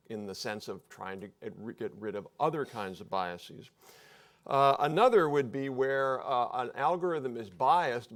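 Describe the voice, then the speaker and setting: A man speaking as a panelist at a live public discussion, explaining points in an offhand, joking way. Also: medium pitch.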